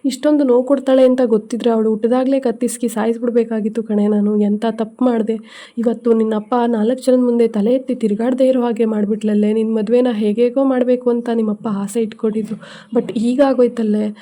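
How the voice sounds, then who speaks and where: A woman's voice: a little high, fairly even intonation, a little fast, mellow, lightly acted. A woman voicing a grieving middle-aged mother who laments and scolds in a bitter, despairing way. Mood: lamenting.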